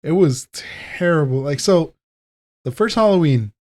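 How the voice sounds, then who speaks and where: Excitable man gushing about movies. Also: a little high, moderate pace. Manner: excitable, hypes things up, swears freely. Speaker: podcast co-host. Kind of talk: casual chat.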